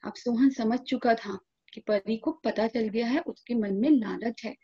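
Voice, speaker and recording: Woman, storyteller for school children, storybook reading, high soft voice, dull lo-fi sound. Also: a little slow, slightly rough.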